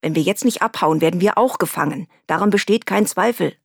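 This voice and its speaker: A protective old grandfather, voiced by a woman reader, speaks firmly and insistently. His voice sits low and plain in this audiobook. The recording is dry and close-miked. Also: a little fast, gravelly, dry recording. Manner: firm, insistent. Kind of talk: audiobook reading.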